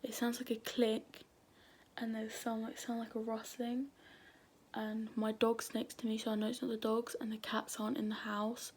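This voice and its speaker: A woman's voice: on the high side, completely flat delivery, normal speed, a little mellow, slightly rough. A woman telling a true crime story at home late at night, nervous and often dropping to a whisper. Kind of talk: casual true crime narration.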